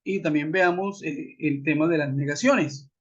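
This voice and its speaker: A man's voice: on the high side, measured pace, breathy edge. A man teaching an online English grammar lesson, methodical, spelling out letters and asking his class questions. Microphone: web conference audio. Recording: dull lo-fi web call audio.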